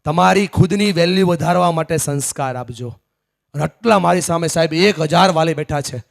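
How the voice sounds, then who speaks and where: Guy motivational speaker at a seminar, fairly high voice, goes loud then quiet for effect. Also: a little fast, gravelly. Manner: emphatic, swings from loud to hushed. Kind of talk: live motivational seminar speech. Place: large seminar hall with audience.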